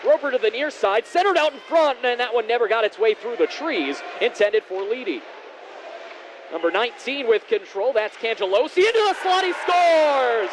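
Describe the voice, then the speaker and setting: A male play-by-play announcer lets out a long, shouted goal call in a high voice. It is live hockey commentary, full of excitement, over clear background noise. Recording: noisy rink broadcast with background din.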